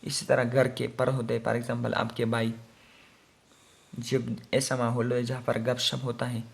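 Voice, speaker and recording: A man gives a grammar lesson, taking his time over each point. He talks at a slow, unhurried pace in a mid-pitched voice, repeating each example and dropping English words into his explanations. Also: level tone, creaky. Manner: explains slowly, repeating examples, mixing English terms into Hindi-Urdu talk. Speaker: teacher.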